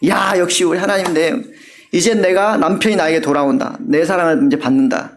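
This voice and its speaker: A man's voice: high voice, brisk, gravelly. A man playing an eager, jealous young wife. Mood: hopeful. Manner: excited, exclaiming.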